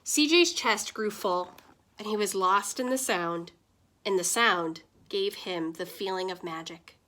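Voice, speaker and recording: A woman teacher reading a children's picture book aloud with expressive, lively storytelling. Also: mid-range voice, unhurried.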